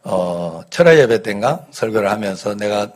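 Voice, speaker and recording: Folksy storytelling pastor with a Gyeongsang lilt. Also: male voice, fairly low pitch, animated, normal speed. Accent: light Gyeongsang dialect. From Gyeongsang region, South Korea. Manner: folksy storytelling with rhetorical questions to the congregation. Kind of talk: conversational Sunday sermon.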